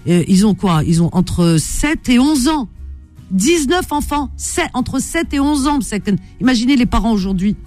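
A woman's voice: fairly high pitch, animated, normal speed, darkish tone, faint music behind. A woman hosting a late-night radio call-in show, chatty and full of fillers. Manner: chatty, filler-heavy, lots of hein and euh.

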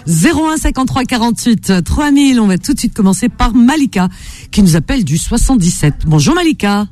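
A woman's voice: a little high, very animated, a little fast, darkish tone. A woman hosting a radio phone-in for small ads, chatting casually in a playful, teasing, informal way. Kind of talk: casual live radio chat.

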